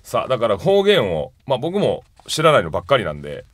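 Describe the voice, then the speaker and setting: Kansai guy on a radio show, pitch jumps all over, dry close studio mic, chuckles a lot. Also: huge pitch swings, fast, fairly bright tone, no echo. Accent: Kansai Japanese. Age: 40s. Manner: laid-back and chuckling, reads quiz lines in a rising announcer voice. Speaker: radio show co-host and quiz master. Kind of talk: casual radio variety chat. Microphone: studio microphone.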